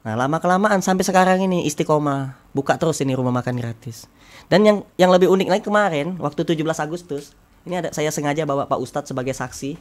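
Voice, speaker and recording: A young man, a talk show guest, telling a story with lots of animation and acting out every line of dialogue. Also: fast talker. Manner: acts out dialogue, swinging pitch and loudness.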